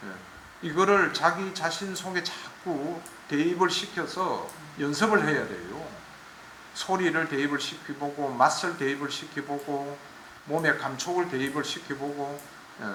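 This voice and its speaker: A man's voice: fairly high pitch, a little slow, pushed and bright, a little hiss or hum. A man from giving a Buddhist dharma lecture with plain explanations, asking listeners to agree as he goes. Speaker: Buddhist teacher. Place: temple lecture hall. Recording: echoey room.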